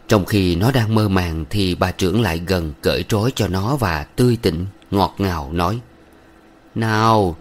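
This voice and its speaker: A man narrates a novel aloud in a steady, measured way. His voice sits low. It is scripted audiobook narration.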